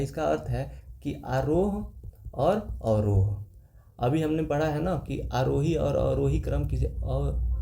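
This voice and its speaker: Male teacher, exam-prep lecture; patient step-by-step explainer, mellow tone, echoey room. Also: medium pitch, slight background noise. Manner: explains step by step, repeats key terms, points at the page.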